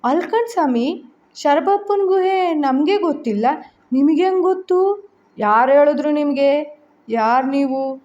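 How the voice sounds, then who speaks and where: A woman's voice: a little high, fairly even intonation, measured pace, darkish tone, highs cut off, lightly acted. A woman doing a rustic forest girl. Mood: wary. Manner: rustic village dialect speech.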